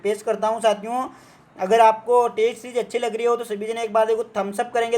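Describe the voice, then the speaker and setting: Young male teacher with a high voice, walks through test questions, asks and answers his own questions, repetitive and chatty. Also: a little mellow. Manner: acts out students' doubts in a mock voice. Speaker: exam prep teacher. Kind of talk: online test walkthrough lesson.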